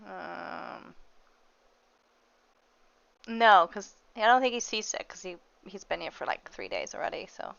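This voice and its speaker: Lively, smooth-voiced woman player. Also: mid-range voice, dry recording, muffled recording. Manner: chatty, laughing, quick asides. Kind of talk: casual tabletop game chat.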